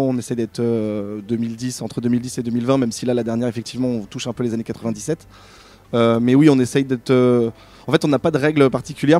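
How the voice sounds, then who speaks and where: A man's voice: medium pitch, warm tone. A man interviewed about designing games, talking casually with many fillers and restarts. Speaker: game designer guest.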